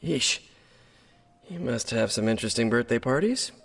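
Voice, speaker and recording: A man's voice: medium pitch, expressive, normal speed, breathy edge. An American man playing a young, nerdy, wisecracking superhero in a video game, chatty and joking in a stop-and-start delivery. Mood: upbeat, joking. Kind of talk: video game cutscene dialogue.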